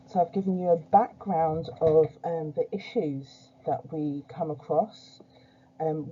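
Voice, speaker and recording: A woman presenting an archaeology talk in an academic style, pausing often with filler sounds as she goes. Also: on the low side, dark tone. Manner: hesitant, many filler pauses. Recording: dull lo-fi recording.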